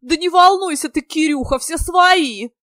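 A woman voicing a boisterous young man who shouts his jokes and roars with laughter. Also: very high-pitched, measured pace, no echo, clean studio sound, pitched above the performer's own voice. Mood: rowdy. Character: loud guffawing young man, boisterous joker.

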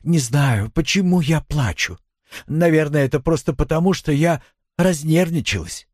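A man's voice: a little high, moderate pace, a little mellow, no room sound, studio quality, voice pushed up, lightly acted. A man voicing an overwhelmed young woman who speaks breathlessly and tremulously through tears. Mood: tearful.

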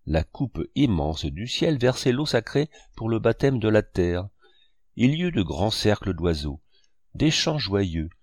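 A man narrating a French novel in a measured literary reading. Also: on the low side, darkish tone, dry recording, studio quality.

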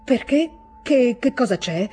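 A woman's voice: very high voice, lively intonation, normal speed, soft background music, pitched above the performer's own voice. A shy, flustered young man, voiced by a woman reader.

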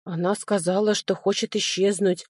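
A woman's voice: medium pitch, moderate pace, breathy edge, no echo, studio quality, lightly acted. Woman voicing a dazed old manservant. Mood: lifeless. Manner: flat, lifeless. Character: old male servant, dazed and lifeless.

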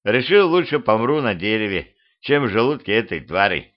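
A man's voice: on the low side, very animated. Man doing a gloomy, ominous skeleton. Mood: mournful. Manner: slow, drawn-out, ominous. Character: gloomy talking skeleton stuck in a tree. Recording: dull lo-fi home recording.

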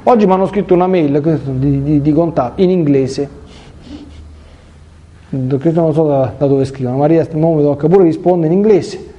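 A man who is a priest giving a catechesis sermon, reading scripture aloud and breaking off into lively, colloquial asides. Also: a little high, moderate pace, muffled recording.

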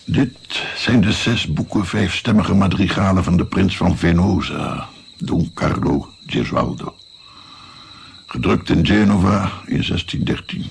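In a radio drama, an actor with a low, gravelly, creaky voice plays a weary, guilt-ridden, Italian-born grandfather of 76. He speaks in a brooding way with pauses, sounding grave and haunted. Crickets chirp in the night background over faint noise.

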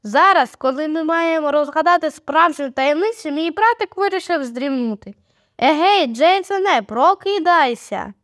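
A woman voicing a lively, curious young girl who exclaims and teases her brother. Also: sits high, normal speed, few pauses, no room sound, clean studio sound, pitched above the performer's own voice. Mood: excited. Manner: eager, exclaiming, teasing.

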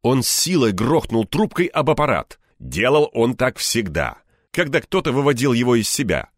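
A man narrating an audiobook in the first person, expressive and acting out the tension. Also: mid-range voice, moderate pace, dry recording, studio quality.

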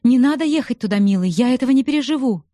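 A woman's voice: on the high side, expressive, fast, warm tone, no room sound, clean studio sound, lightly acted. A woman reading the part of an earnest, pleading young woman in love for an audiobook.

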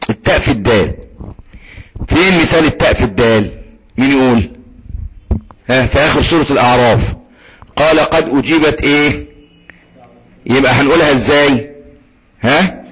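Husky Egyptian man drilling recitation. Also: mid-range voice, fairly bright tone, lo-fi sound. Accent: Egyptian Arabic. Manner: drills students, slowly sounding out letters. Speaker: Quran recitation teacher. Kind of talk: tajweed lesson with call-and-repeat drills.

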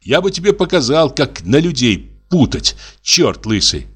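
A man voicing a quarrelsome young peasant who shouts in a high, screeching voice. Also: sing-song, measured pace, breathy edge, heavily acted. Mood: grumbling. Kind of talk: audiobook character voice.

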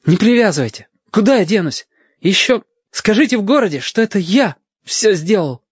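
A man's voice: high voice, big pitch swings, moderate pace, breathy edge, dry recording, pitched above the performer's own voice, exaggerated voice. A man doing a ringing, defiant young boy. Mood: pleading. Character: desperate, defiant young boy, brave but scared. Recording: dull, dry audiobook recording.

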